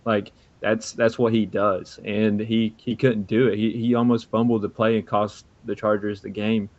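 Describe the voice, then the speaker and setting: A male co-host on a sports podcast talks football casually, rambling with many fillers and restarts. His voice is fairly low and darkish, flat at a normal speed, recorded on a dull lo-fi mic.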